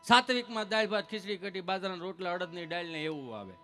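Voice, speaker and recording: A man performs comic folk stories on stage, teasing and repeating his punchlines with relish. His voice is high and bright, with a sharp, ringing edge. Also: fast, faint music behind. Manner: lively, teasing delivery with punchy repetition. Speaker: stage comedian.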